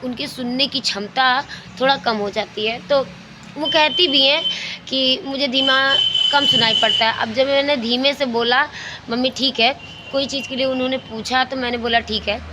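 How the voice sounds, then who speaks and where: The speaker is a middle-aged Indian woman, a lifestyle vlogger, homemaker and mother, chatting casually about her routine. She has a high voice with fairly even intonation and a moderate pace, repeating phrases and searching for words as she talks. Background ambience and vehicle sounds are clearly present.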